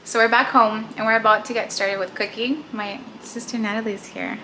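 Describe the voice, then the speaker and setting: A woman's voice: fairly high pitch, fairly even intonation, brisk, over music. A young woman hosting a casual home vlog with her sister, chatty and explaining things step by step. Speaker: vlogger host. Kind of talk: casual chat. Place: home kitchen. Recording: roomy home recording.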